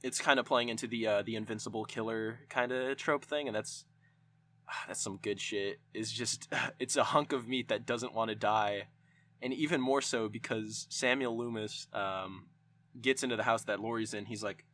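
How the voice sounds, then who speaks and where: A man's voice: lowish voice, normal speed, fairly bright tone, a little hiss or hum. A young man hosting a podcast, reviewing a film in a casual, rambling way with lots of swearing and restarts. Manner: rambling, profane, frequent restarts. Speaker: podcast host.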